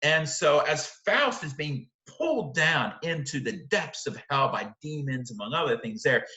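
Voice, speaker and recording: His fairly high voice is bright and forceful, with lively intonation and an unhurried pace, though the highs are cut off. A middle-aged literature teacher, he delivers an emphatic explanatory lecture near a webcam in an indoor room, leaning on rhetorical questions and check-in tags, and the audio echoes.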